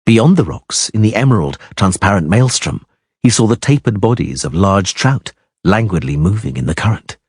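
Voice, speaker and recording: Husky, low male narrator for dramatic fantasy audiobook; dry close voice-over. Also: expressive, normal speed, a little mellow, no echo. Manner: emphatic, swelling on action words.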